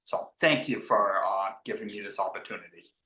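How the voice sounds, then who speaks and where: Guy on a group voice call, bright tense voice, roomy echo, lots of ums, earnest. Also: lowish voice, normal speed. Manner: earnest, hesitant, many ums and uhs. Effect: voice coming through a group voice call. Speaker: public commenter at a board meeting. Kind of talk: remote public comment over a group voice call. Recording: echoey remote call audio.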